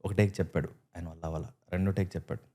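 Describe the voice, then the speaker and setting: A man guest on a casual podcast chat, telling lively stories and acting out the lines he quotes. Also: deep voice, racing. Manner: animated storyteller who acts out quoted lines. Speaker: guest actor.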